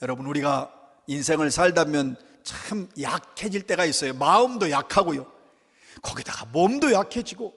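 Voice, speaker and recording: A male pastor with a fairly high voice delivers a fervent sermon from the pulpit. His words ring out through a church sanctuary with a long, lingering reverb. He leans into emotional emphasis and slows down on key phrases. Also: a bit bright. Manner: fervent preaching that acts out quoted prayers.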